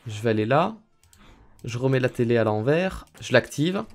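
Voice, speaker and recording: A man from France giving excitable, chatty let's play commentary, reacting aloud to a video game. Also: medium pitch, moderate pace. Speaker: gaming video creator.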